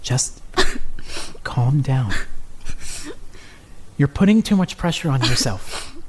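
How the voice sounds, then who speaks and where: A prickly, blunt teenage girl from a fan-made game, played by a woman, with a low voice that swings widely in pitch. She snaps at people and stumbles over her words when caught off guard. Faint noise hums behind her. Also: expressive, slow, darkish tone, full character voice. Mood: firm. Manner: blunt, stammers when flustered. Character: prickly, gruff teenage girl who hides her kindness.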